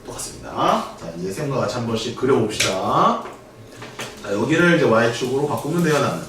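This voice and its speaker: A man teaching math to a class, drilling students with call-and-response in a lively lecture. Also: medium pitch, normal speed, far from the mic. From Korea. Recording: echoey room recorded from afar, noisy.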